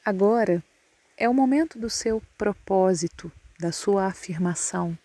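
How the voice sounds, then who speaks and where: This is a guided yoga nidra session led by a woman whose accent is Brazilian Portuguese. Her pitch sits in the medium range, and she gives gentle, calming directions with lengthy pauses between them.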